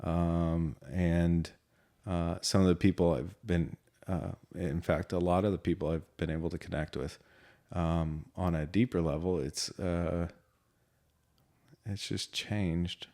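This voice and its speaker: A man's voice: sits low, flat delivery, slow, dark tone. A man co-hosting a podcast, talking in a casual, rambling, reflective way with lots of fillers. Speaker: podcast co-host.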